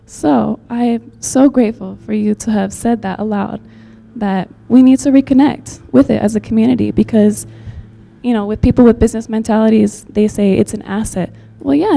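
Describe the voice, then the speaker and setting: Gravelly low-bright woman speaking heartfelt. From Texas, USA. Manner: heartfelt, rambling, with many fillers. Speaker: community member commenting at a public meeting. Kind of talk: earnest public comment.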